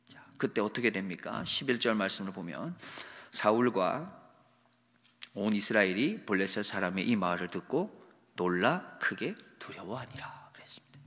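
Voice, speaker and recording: Korean pastor preaching in a reverberant hall. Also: male voice, lowish voice, normal speed, long pauses. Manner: steady explanatory preaching with rhetorical questions. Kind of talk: morning devotional sermon. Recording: long reverb of a large hall.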